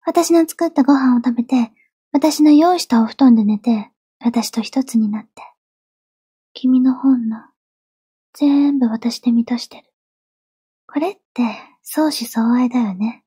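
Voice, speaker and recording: A yandere girlfriend in an ASMR role-play, high in pitch yet very dark and velvety in tone. She sounds obsessively devoted and clingy, sweet with menace underneath. The voice is close and dry. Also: unhurried, long pauses, dry recording. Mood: obsessive, insistent. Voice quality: soft, breathy. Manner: yandere: obsessively loving, soft, pleading turning coldly threatening.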